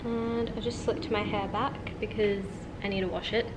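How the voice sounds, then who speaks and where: A woman in her twenties chatting casually to camera at home as a vlogger, relaxed and full of "like". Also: medium pitch, moderate pace. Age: 20s. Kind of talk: casual vlog chat. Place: at home, indoors. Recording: noticeable room ambience noise.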